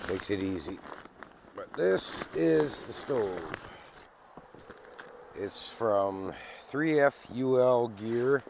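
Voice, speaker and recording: A man's low voice, stuffed up by a cold, comes over a noisy background as he sets up his camping gear in the woods. The outdoor vlogger talks to camera in a rambling, relaxed manner, thinking out loud as he works.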